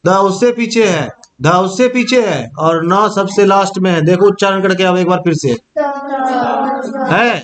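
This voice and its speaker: Speaking a little slowly in a high voice, a young man leads a classroom-style Hindi grammar lesson. He demonstrates each sound by pronouncing it and repeatedly checks that his students are following.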